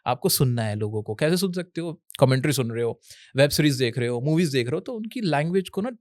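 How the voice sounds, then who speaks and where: A man's voice: medium pitch, lively intonation, quick pace, darkish tone, no echo, studio quality. A young man from India, a guest on an interview show, giving casual advice and mixing Hindi with English. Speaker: educational YouTuber guest. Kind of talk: casual Hinglish interview talk.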